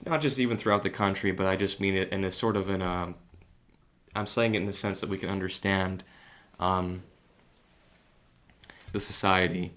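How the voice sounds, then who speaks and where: A man's voice: low-pitched, fairly even intonation, quick pace, a bit bright. A young man hosting a solo podcast monologue. He rambles and hesitates with many fillers, and speaks earnestly with rising heat. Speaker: podcast host.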